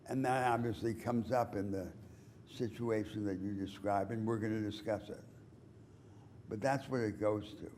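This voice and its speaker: A man giving a university lecture in a lecture hall, explaining in a measured, deliberate way with emphatic rises. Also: on the low side, a little mellow, a little hiss or hum.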